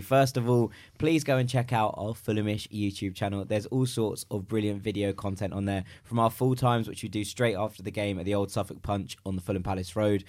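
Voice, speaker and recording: A man's voice: lowish voice, a little mellow. A man hosting a football fan podcast, chatty and jokey as he reads plugs and gives opinions. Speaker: podcast host. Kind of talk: casual fan podcast chat.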